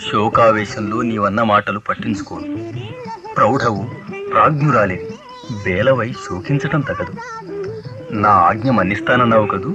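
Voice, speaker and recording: An actor playing Rama, a noble and resolute warrior prince, declaiming in lofty classical style in a 1980s mythological radio drama. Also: male voice, fairly low pitch, normal speed, long pauses, lo-fi sound, music in the background, lightly acted. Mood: consoling, authoritative.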